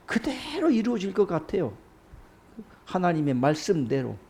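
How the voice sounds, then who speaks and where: A man preaching a sermon in an animated way, often tossing rhetorical questions to his listeners. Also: high voice, normal speed.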